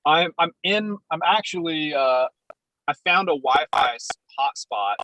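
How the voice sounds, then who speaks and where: A man talks from his parked car as a podcast guest, his voice bright and a little forward. He tells stories in a loose, rambling way, full of ums and restarts. The sound is dry, with no room around it. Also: fairly high pitch, expressive, measured pace, dry recording, dull audio. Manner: rambling, hesitant storytelling with many ums. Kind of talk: casual chat.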